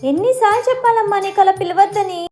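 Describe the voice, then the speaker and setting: A woman's voice: extremely high pitch, fast talker, music in the background. A young woman in a comedy sketch, talking with exasperation and pleading. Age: young adult. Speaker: comedy creator.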